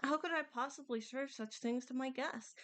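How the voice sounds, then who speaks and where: A woman's voice: high-pitched, normal speed, fairly bright tone. A woman voicing a very old, apologetic village tea farmer in formal, courteous, old-fashioned phrasing, reading video game dialogue. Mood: ashamed. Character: polite, apologetic elderly village tea farmer, Grandpa Liu.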